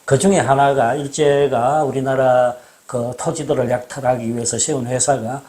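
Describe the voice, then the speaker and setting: A man hosting a casual talk, explaining things in a measured, storytelling way, recorded indoors in an old house. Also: mid-range voice, steady tone, darkish tone. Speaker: host.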